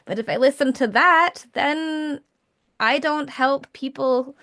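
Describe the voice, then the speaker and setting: A woman with a North American accent hosting a podcast, talking in a warm, effusive, rambling way. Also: high voice, takes it slowly, no room sound, clean studio sound. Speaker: podcast host. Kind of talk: casual podcast chat.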